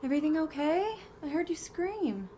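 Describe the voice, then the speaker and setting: A woman playing a calm mother who speaks softly and gently to her son, in a noisy video played back on stream. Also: high-pitched, moderate pace. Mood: concerned. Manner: hushed, gentle.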